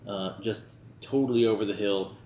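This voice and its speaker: A man with a lowish voice chats loosely as a tipsy movie reviewer. He rambles casually in an echoey room, with clear noise behind him. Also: fairly even intonation, moderate pace, warm tone. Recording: roomy echo with background noise.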